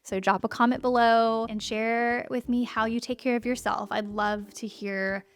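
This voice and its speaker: A woman's voice: a little high, steady tone, moderate pace. A woman in her thirties who is pregnant and a little out of breath. She chats in a friendly, cozy way in a sit-down vlog and laughs often. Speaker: lifestyle YouTuber.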